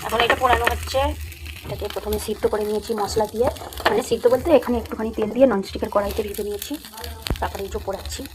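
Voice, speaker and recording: A woman vlogging casually at home, tired from a sleepless night and keeping her voice soft. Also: mid-range voice, fairly even intonation, racing, noisy background. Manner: chatty, talks softly to avoid waking the cat. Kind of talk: casual home vlog chat.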